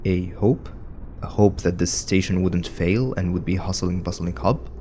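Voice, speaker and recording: A man's voice: low-pitched, fairly even intonation, moderate pace, mellow, a little hiss or hum. A man narrating a scripted video essay with wry, conversational commentary.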